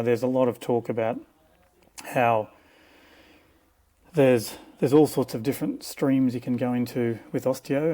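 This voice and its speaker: Gravelly middle-aged Australian man, frank. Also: medium pitch, dark tone. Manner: frank, reflective, opinionated. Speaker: guest osteopath and clinic co-director. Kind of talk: conversational interview answers.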